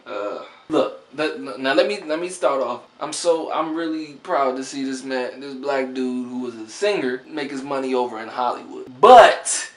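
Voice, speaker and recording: A man's voice: medium pitch, moderate pace, hardly any pauses, roomy sound. A man giving a casual, joking movie review in a laid-back, rambling way.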